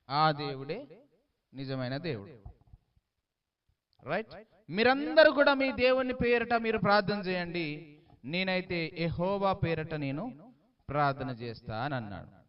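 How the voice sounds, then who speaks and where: Dramatic high-voiced pastor preaching. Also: male voice, clean tone, muffled recording. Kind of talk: sermon.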